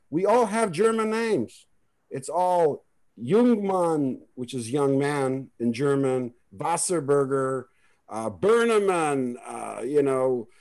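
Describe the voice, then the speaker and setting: An Israeli presenter with a somewhat high, darkish voice talks through his family history on a video call. He's rambling and conversational, restarting his sentences again and again.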